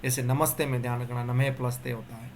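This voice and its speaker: A man's voice: medium pitch, level tone, brisk, darkish tone, a little hiss or hum. A man giving an exam-prep Hindi grammar lecture, explaining step by step and often checking in with the class. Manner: explains step by step with repeated "dekho" and "theek hai".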